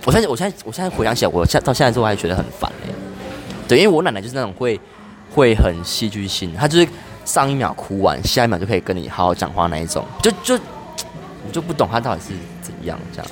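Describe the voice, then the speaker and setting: A man, telling stories fast and with lots of feeling in a casual podcast chat. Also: lowish voice, faint music behind. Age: 20s. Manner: animated, fast storytelling with laughs. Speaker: podcast host.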